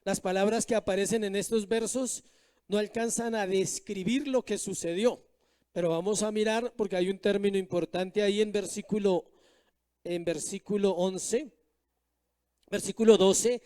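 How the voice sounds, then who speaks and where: A man's voice: high-pitched, fairly even intonation, normal speed, warm tone. A male pastor preaching a sermon to his congregation, reading scripture verses aloud and putting rhetorical questions to the listeners.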